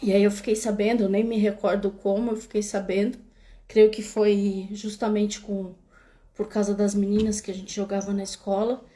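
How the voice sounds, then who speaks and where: Speaking at a moderate pace in a flat, mellow, mid-pitched voice, a young woman with a São Paulo Brazilian accent hosts a laid-back livestream from her home in Spain. Her storytelling is full of false starts and filler tags, and she's recorded on a webcam or phone camera.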